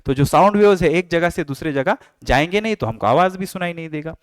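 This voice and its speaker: A man with a fairly high voice gives a science lesson, switching between Hindi and English. He asks his own questions and answers them, reads English lines slowly and then explains them. The recording is dry and close, with no room sound. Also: lively intonation, no room sound. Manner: playful, imitates noises and sounds. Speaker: teacher.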